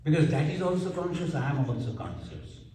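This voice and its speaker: A man with a Bengali accent teaching scripture, explaining slowly and repeating his phrases. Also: a little high, sing-song, mellow. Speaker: spiritual teacher. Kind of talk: scripture lecture. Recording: echoey hall from far off.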